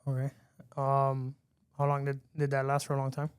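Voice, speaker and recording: Smooth-voiced man hosting a podcast. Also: mid-range voice, completely flat delivery, moderate pace, dry recording, studio quality. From lives in Miami. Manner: easygoing, chatty, frequent restarts and laughs. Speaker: podcast host. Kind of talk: casual interview chat.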